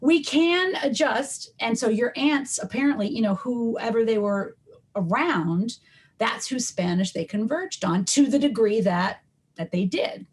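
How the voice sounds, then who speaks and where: A middle-aged New York linguistics professor, speaking slightly slowly in a fairly high, slightly rough voice, is interviewed on a conversational podcast. Her lengthy explanations are full of ums and restarts.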